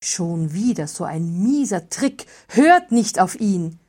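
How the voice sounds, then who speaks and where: A woman voicing a hostile, scheming male steward in a storybook reading, loud and sneering. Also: lowish voice, lively intonation, slow, slightly rough, exaggerated voice. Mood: scornful.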